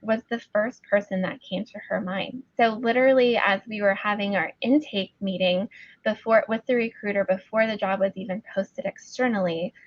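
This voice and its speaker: A woman's voice: medium pitch, no room sound, lo-fi sound. A woman speaking as a guest in a webinar conversation, telling stories chattily and often saying "like", over a video call. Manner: chatty storytelling with frequent "like" fillers. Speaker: guest speaker on sourcing teams.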